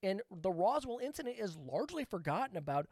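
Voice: medium pitch, big pitch swings, a little fast, a little mellow, no room sound, clean studio sound. A podcast co-host telling a story in casual chat, rambling and swearing with laughing asides.

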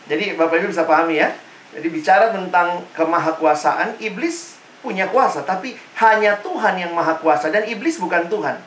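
Woman preacher, low-set voice, emphatic sermon delivery, echoing room, mic at a distance. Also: lively intonation, a little fast, a little hiss or hum. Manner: emphatic, rhetorical questions to congregation. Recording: roomy echo, distant mic.

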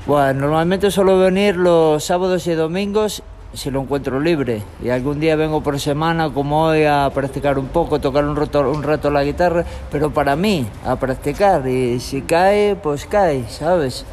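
Man, young adult, from Galicia, street musician, casual rambling talk, slightly high voice, faint city noise. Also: normal speed, a little mellow. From Galicia, Spain. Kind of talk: street interview. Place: tunnel in a city park, outdoors.

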